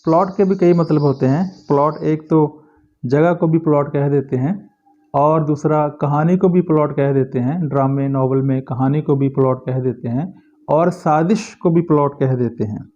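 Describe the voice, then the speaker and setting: A man with a Pakistani accent teaching an English vocabulary lesson, saying each word slowly and carefully, again and again. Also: fairly high pitch, dark tone. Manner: slow, repeats each word with careful pronunciation. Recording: dull lo-fi recording.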